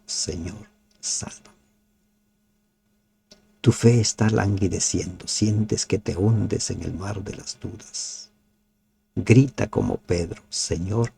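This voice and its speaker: Gravelly, slow-speaking man teaching the Bible. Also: on the low side. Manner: asks the listeners rhetorical questions; drops to soft, nearly whispered pleas. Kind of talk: devotional Bible commentary.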